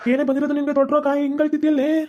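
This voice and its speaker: A man's voice: very high voice, monotone, racing, darkish tone, dull audio. A man playing a flustered young husband with a North Karnataka Kannada accent. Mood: panicked. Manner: flustered, calling out in a hurry.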